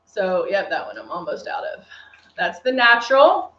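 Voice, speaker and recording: In a mid-range, sing-song voice at normal speed, a Texan woman hosts a live makeup tutorial, responding to viewers' comments as she goes. She presents for a beauty brand, and the lo-fi stream audio is dull and echoey.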